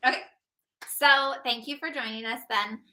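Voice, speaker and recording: Bright, chatty woman podcast host. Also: on the high side, fairly even intonation, moderate pace. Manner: chatty, upbeat, lots of fillers. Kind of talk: casual podcast chat.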